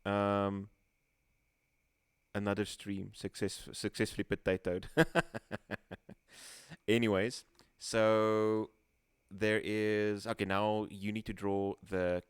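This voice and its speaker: A man with a very deep voice talks through a streamed tabletop map game. He rambles, stops and restarts his sentences. His voice sounds close and dry, with no room around it. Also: flat delivery, clean tone, no echo. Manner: rambling, halting, many restarts. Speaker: game facilitator. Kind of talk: casual streamed tabletop play.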